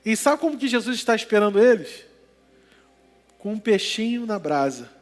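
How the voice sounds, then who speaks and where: Pastor preaching, high-ish voice, jokey asides, big church echo, soft music behind. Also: male voice, normal speed. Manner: animated storytelling with jokey asides and questions to the congregation. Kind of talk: sermon. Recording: reverberant church hall with music underneath.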